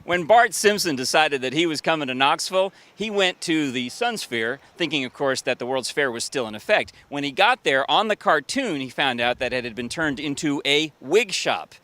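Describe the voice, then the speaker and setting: A man's voice: fairly high pitch, expressive, normal speed, hardly any pauses, sharp tone, no echo. A man hosting a local TV feature outdoors in a city park, giving an upbeat, folksy tour-guide delivery. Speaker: TV host. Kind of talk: TV feature presenting.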